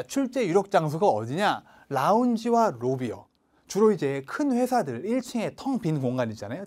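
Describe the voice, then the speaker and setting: Male lecturer for test prep, lively pitch, coaching tone, checks in often with learners. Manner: coaching, repeats checks with the listener, reads English lines slowly for them to repeat. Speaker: English speaking test teacher. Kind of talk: online lecture.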